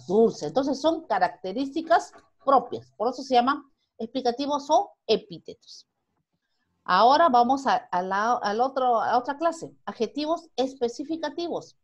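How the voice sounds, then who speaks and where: A woman's voice: a little high, darkish tone, breathy edge. A Peruvian woman teaching a primary school grammar lesson online, who asks the class questions and then answers them herself. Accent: Peruvian Spanish.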